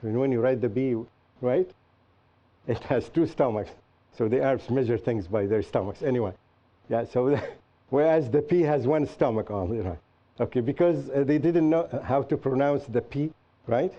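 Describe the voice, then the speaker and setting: A man teaches a class in a medium-pitched voice and often turns to his students with questions. He explains patiently and uses examples. The recording sounds dull and lo-fi. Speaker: Qur'an teacher and show host.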